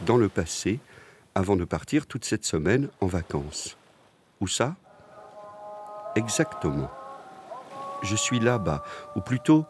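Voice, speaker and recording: A man hosting a podcast with intimate, close-to-the-ear scripted narration and a playful, deadpan manner. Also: deep voice, slight background noise. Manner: speaking close into the listener's ear; playful, tongue-in-cheek deadpan. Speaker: podcast host.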